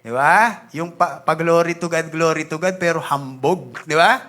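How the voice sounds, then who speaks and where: Bright-voiced animated pastor preaching. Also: male voice, on the high side, moderate pace. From Philippines. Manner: animated preaching, mixing Tagalog and English, voicing church members. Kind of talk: sermon. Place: church sanctuary.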